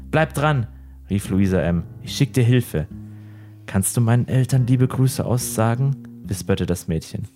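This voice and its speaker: Low-voiced man narrating dark crime tale. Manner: measured, grave narration. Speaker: podcast host. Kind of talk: dramatic true-crime storytelling. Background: guitar music.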